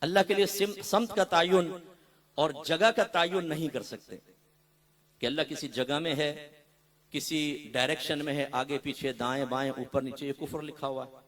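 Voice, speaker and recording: Male mufti giving a sermon, high voice, gets loud and punchy then drops to soft asides, acts out little dialogues. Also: fairly even intonation, moderate pace. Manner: impassioned, swinging from soft asides to loud emphatic runs; storytelling with quoted dialogue. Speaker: mufti preaching to a gathering.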